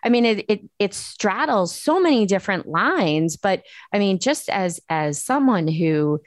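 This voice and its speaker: A woman's voice: medium pitch, animated, unhurried, no room sound, clean studio sound. A woman hosting a talk show, speaking earnestly and emphatically with frequent restarts. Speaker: host. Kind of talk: casual chat.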